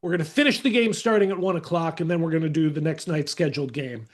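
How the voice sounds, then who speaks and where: A middle-aged man with a high voice tells stories in a casual, animated way as a podcast guest. He keeps slipping into little voices for the people in his anecdotes. It is relaxed, unscripted talk. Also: fast. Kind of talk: casual storytelling.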